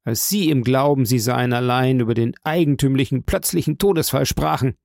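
A man's voice: medium pitch, fairly quick, creaky, darkish tone, no room sound, studio quality, close to an everyday voice. A man voicing a passionate, grief-stricken young man who speaks in fervent, insistent repetitions. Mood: accusing.

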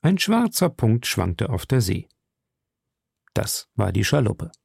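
Slow gravelly guy reading an old adventure novel, dry close mic. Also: fairly low pitch, very animated, a little mellow, dry recording. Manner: slow, measured storytelling. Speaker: audiobook narrator. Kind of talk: scripted narration.

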